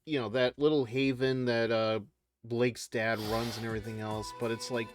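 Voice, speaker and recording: A man's voice: medium pitch, little pitch movement, moderate pace, over music. A man chatting casually as a video game streamer, rambling and hesitant as he gives live commentary.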